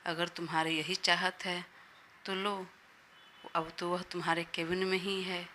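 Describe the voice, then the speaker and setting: A woman voicing an irritable young male boss who scolds in a gruff way, in a Hindi audio story. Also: on the low side, little pitch movement, unhurried, pushed and bright, a little hiss or hum.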